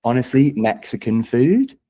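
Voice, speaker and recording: A young man with a London English accent chats casually as a musician being interviewed, enthusiastic and rambling informally. His mid-range voice is sing-song and dark in tone, at a measured pace.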